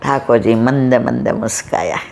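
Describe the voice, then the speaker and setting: A satsang speaker, telling devotional stories and repeating phrases that trail off low and soft. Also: moderate pace, creaky. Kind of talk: devotional storytelling talk.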